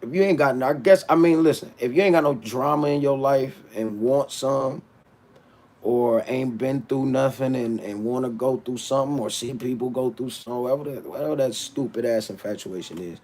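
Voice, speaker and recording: Answering his chat in a casual livestream rant, this man talks back bluntly and with animation, often restarting what he's saying. He's a battle rapper with a mid-range, darkish voice that runs a little fast.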